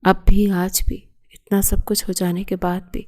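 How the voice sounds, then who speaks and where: A woman voicing a remorseful young man who begs for forgiveness, in a low-key emotional reading. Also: flat delivery, a little mellow, close to an everyday voice. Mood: pleading.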